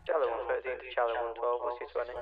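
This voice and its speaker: A man's voice: mid-range voice, completely flat delivery, fast. A man speaking over a walkie-talkie, trading clipped police radio codes as a dispatcher. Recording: muffled lo-fi radio.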